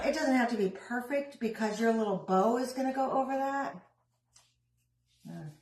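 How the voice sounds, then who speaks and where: A middle-aged woman talks her way through a craft project at home in a chatty, rambling way, dropping self-deprecating asides. Her voice sits at an average pitch for a woman. The room around her gives a noticeable echo. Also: a little mellow. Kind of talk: casual craft vlog chat.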